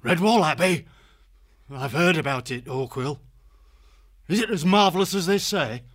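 A man voicing a hoarse, slow young badger. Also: on the high side, lively intonation, dry recording, clean studio sound, voice pushed up. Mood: eager. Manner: slow, earnest, wryly ironic. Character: big young male badger, chained captive. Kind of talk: audiobook character voice.

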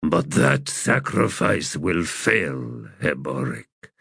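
A stern ancient elder god, voiced by a male audiobook reader, gives grave commands. The voice is low, slow and gravelly. It is recorded close and dry. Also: big pitch swings, fairly bright tone, no echo, heavily acted.

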